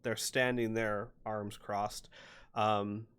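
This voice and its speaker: A man narrating a tabletop game as game master, improvising with halting, suspenseful pauses. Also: on the low side, level tone, a bit bright, clean tone.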